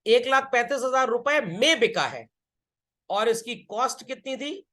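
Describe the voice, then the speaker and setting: A man's voice: very high voice, lively intonation, measured pace, pushed and bright. A male accountancy teacher giving a classroom lecture. He stops often to ask his students whether they understood, and he repeats his main points for emphasis.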